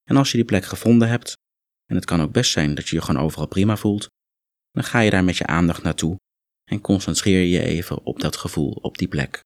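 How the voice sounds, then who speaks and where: Calm guy with a deep voice talking you through a relaxation exercise, super dry recording, no room sound. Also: fairly quick, no room sound. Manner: calm, instructive, coaxing. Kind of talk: guided muscle relaxation meditation.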